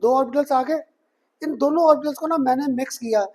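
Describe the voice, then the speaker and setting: A man's voice: very high voice, fast, a little mellow. A male chemistry teacher giving a chatty classroom lecture, mixing English terms into his speech and often checking whether students have understood. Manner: chatty, keeps asking students if it is clear; mixes English technical terms into Hindi.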